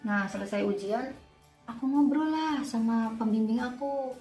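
A woman's voice: on the high side, normal speed. Chatty young woman vlogger. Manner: chatty, animated storytelling. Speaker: nurse vlogger. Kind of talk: storytime vlog while doing makeup. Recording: roomy, distant, faint music.

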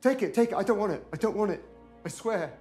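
A jittery young Englishman with an English accent, stumbling over his words and second-guessing himself. His voice sits a little high for a man, with light background music under it. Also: lively intonation, fast talker, darkish tone. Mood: awkward. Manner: flustered, stammering, talks to himself. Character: nervous, rambling English museum worker, man.

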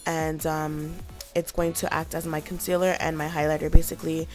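A woman's voice: low voice, little pitch movement, moderate pace, darkish tone, soft background music. A young woman narrating a makeup tutorial in a casual, chatty, informal way. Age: young adult. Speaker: beauty vlogger.

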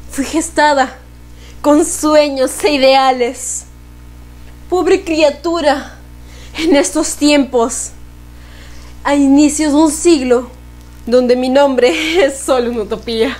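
High-pitched teenage girl declaiming poetry, Peruvian accent. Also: fairly even intonation, a little mellow. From Peru. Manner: dramatic, emphatic, with long pauses. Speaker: student reciter in a poetry contest. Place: living room at home.

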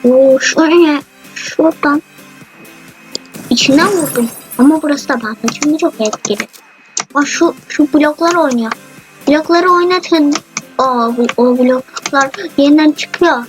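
Excitable high-voiced woman gamer. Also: moderate pace, low-quality recording. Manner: excited exclamations, chatty. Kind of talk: gameplay commentary. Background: faint game music.

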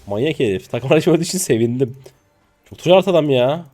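A man in his twenties from Turkey, commenting live on his own game play, excitable and jokey, with casual swearing and sudden high yelps. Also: fast talker, faint music behind. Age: 20s. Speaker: streamer.

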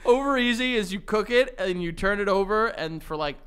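A man's voice: sits high, lively intonation, brisk, fairly bright tone, smooth. A young man co-hosting a podcast, teasing and crude in casual banter, laughing often. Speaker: podcast co-host.

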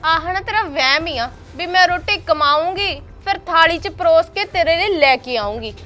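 A woman's voice: extremely high pitch, animated, normal speed, exaggerated voice. A woman acting a fed-up young wife who works as a housemaid and scolds her husband in a short drama film. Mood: angry, defiant. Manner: sharp-tongued, scolding, taunting.

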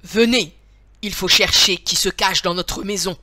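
A woman voicing a big, displeased father bear in a storybook, talking loud and grumbling. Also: medium pitch, unhurried, no room sound. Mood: scolding.

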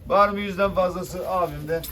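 A man's voice: sits high, fairly even intonation, moderate pace. A man working as a fish auctioneer, calling out weights and rising bids in a chant to buyers he addresses familiarly. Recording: distant noisy mic with clicks, birds.

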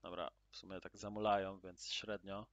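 A man hosting his gaming channel, greeting viewers loudly and then muttering casual commentary as he plays, with sudden excited exclamations. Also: low-pitched, normal speed, dry recording, dull audio. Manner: loud upbeat greetings, then mutters quietly while playing; excited exclamations at in-game drops.

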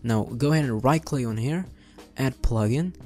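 This young man hosts a casual screen-recorded software tutorial, faint music playing in the background. His mid-range voice has a darkish tone and moves at normal speed. He records indoors in his bedroom, close to a boom-arm desk microphone.

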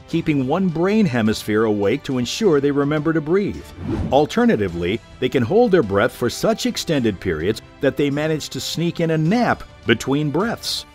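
A man narrates a nature documentary in a slightly high voice with lively, varied intonation. His delivery is measured and formal, like scripted storytelling, with music playing softly behind him. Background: background music.

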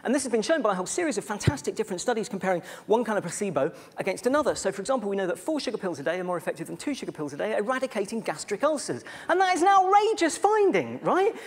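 A man's voice: high voice, expressive, racing, hardly any pauses, husky. A British man giving a conference talk on bad science, chatty and sarcastic, with many fillers and asides. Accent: British English. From Britain. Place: conference stage before an audience.

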